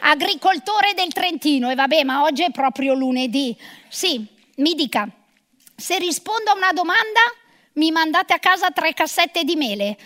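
A woman's voice: high voice, animated, moderate pace, a bit bright. A middle-aged woman performing a comic monologue of phone calls as a bossy, sarcastic career mother.

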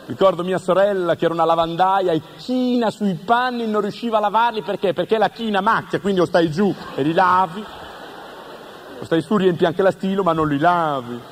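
Guy doing absurd deadpan standup, high voice, faint hum behind. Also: a little fast. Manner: deadpan wordplay, mock-serious questions. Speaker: comedian.

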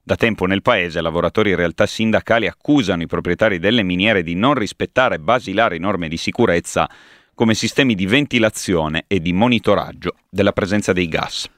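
Male radio news announcer, low and measured, dry studio mic. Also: dry recording. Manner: steady, measured newsreading. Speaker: newsreader.

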